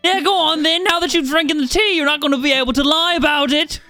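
Man voicing a high-pitched, teasing old sailor ghost. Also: fast, pushed and bright, no echo, soft background music. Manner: teasing, goading. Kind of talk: tabletop role-play.

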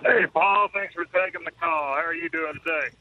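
A man calling in over the phone, his slightly high voice thinned by a muffled line. He lays out his point earnestly and at length, like a working trucker talking to a radio host. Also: moderate pace, slight background noise. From Texas. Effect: heard over the phone. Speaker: caller, truck driver. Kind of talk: call-in talk radio chat.

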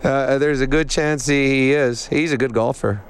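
A man's voice: medium pitch, fairly even intonation, normal speed, slight background noise. A man giving casual post-game analysis as a radio co-host on a close microphone. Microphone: close broadcast microphone.

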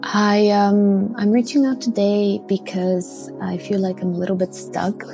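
A woman reads out her question to the podcast, halting and searching for words. Her voice has a gravelly fry, and clear music plays under her. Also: medium pitch, flat delivery, dark tone. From Bulgaria. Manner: hesitant, many "um"s and restarts. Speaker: listener sending a question.

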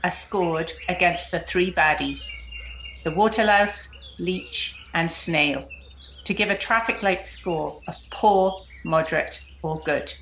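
A woman's voice: on the low side, takes it slowly, fairly bright tone, slight background noise, poor audio. A woman presenting and interviewing as a podcast host. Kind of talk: scripted introduction and conversational interviewing.

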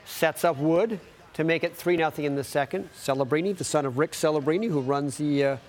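A man anchors a sports newscast in a fairly high male voice. He narrates highlights conversationally and slips in wry, offhand remarks. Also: a little fast.

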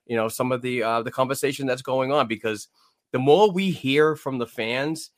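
A man's voice: mid-range voice, normal speed, dry recording, clean studio sound. A man co-hosting a sports podcast in casual, conversational talk. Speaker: podcast co-host. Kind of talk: casual chat about hockey.

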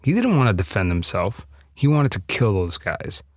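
A man's voice: fairly low pitch, big pitch swings, normal speed, no room sound, studio quality. A man narrating a scripted true-story podcast with a dramatic storytelling delivery.

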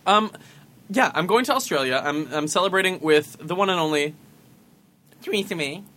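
A man with a high, sharply bright voice chats casually as a podcast co-host. He is campy and sassy, playing up his words theatrically, and his pitch leaps all over the place. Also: expressive, moderate pace. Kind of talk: casual comedic chat.

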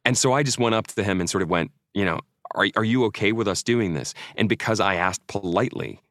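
A man's voice: fairly low pitch, quick pace, a bit bright, dry recording, clean studio sound. A man in his forties from Norway, an actor guest chatting casually and telling self-mocking stories in an interview. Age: 40s.

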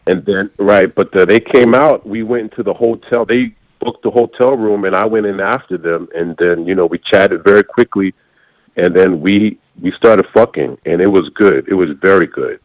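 Deep-voiced man in his forties, halting. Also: no echo, highs cut off. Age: 40s. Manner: halting, many fillers and restarts. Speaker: interview guest. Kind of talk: candid conversational storytelling.

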